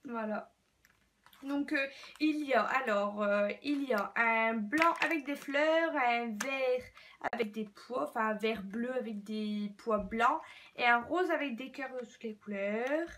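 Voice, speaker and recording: A chatty young woman from France talks through her latest shopping haul at home. Her voice sits high and bright, and she rambles along with fillers and stumbles. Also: measured pace, a little hiss or hum. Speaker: beauty vlogger. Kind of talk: casual haul video chat.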